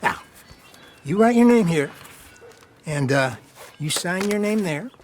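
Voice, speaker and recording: Brief: a slick, chummy frontier salesman with a high voice. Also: lively intonation, slow pace, over music. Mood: salesy. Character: slick male house salesman, chummy and smooth-talking. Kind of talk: video game voice acting.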